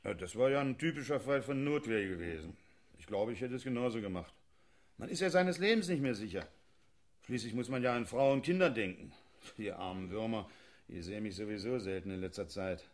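In a satirical sketch, an actor plays a smug riot policeman, a married father, who chuckles while justifying harsh policing. The voice is lowish, animated, fairly quick and natural, with a self-righteous, conspiratorial manner.

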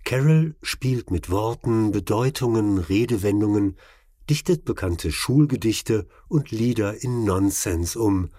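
Guy narrating a radio documentary, husky low voice, dry close sound. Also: darkish tone, no room sound.

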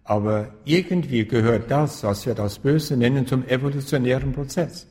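A man answering interview questions as a spiritual teacher and author, calm and emphatic, repeating key phrases for stress. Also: mid-range voice, moderate pace, long reverb tail.

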